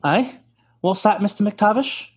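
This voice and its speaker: A man's voice: high-pitched, a little slow, slightly rough. An actor playing a vain, pompous male stage actor who talks theatrically and scoffs, in an old-time radio drama.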